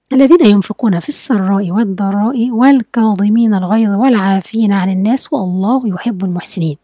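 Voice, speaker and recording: A woman's voice: medium pitch, warm tone, husky, no echo. An Egyptian woman giving a chatty advice lesson to wives, acting out sample talks with a husband. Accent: Egyptian Arabic. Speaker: religious and marriage advice teacher. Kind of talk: casual spoken lesson to wives.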